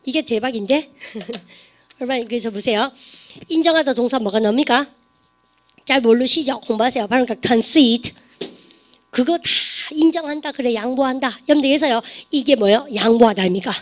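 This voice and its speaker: A woman teaching an online English grammar lesson, quizzing her students with quick questions. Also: on the high side, slight background noise.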